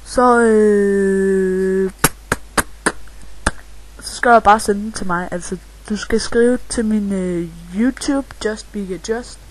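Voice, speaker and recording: A woman hosting a homemade joke radio show in a giggly, crude way, often pausing on fillers. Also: medium pitch, fairly even intonation, noisy background. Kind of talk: playful mock radio hosting.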